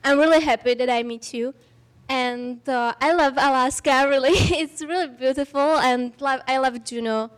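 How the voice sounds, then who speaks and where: A woman's voice: high voice, moderate pace, clear, resonant tone. A young woman from Slovakia, chatting eagerly as she introduces herself as an exchange student.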